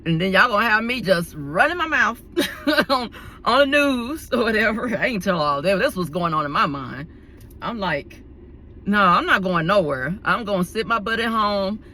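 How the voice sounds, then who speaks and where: Woman vlogger, bright forceful tone, chatty storyteller, full of fillers and restarts. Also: medium pitch, moderate pace, slight background noise. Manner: chatty, animated, acts out the people in her story; frequent fillers and restarts, laughs between lines. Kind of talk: casual storytelling to camera.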